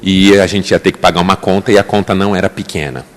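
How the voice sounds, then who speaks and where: A man's voice: deep voice, fast. A man with a Brazilian Portuguese accent preaching a sermon as pastor, telling stories with emphatic rises. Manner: lively storytelling, emphatic rises. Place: church. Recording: echoey church hall.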